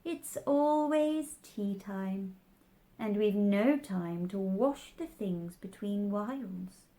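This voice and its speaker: Eccentric storybook gentleman, played by a woman: contemptuous, aggrieved, slow, theatrical swoops. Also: medium pitch, animated. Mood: mournful. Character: haughty, mad male Hatter, aggrieved and eccentric. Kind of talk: children's storybook character voice.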